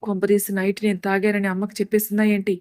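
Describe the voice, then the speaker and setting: A woman's voice: mid-range voice, completely flat delivery, fast, a little mellow, no room sound, clean studio sound, close to an everyday voice. A woman voicing a prideful, irritated young man in a storybook. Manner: grumbling, curt.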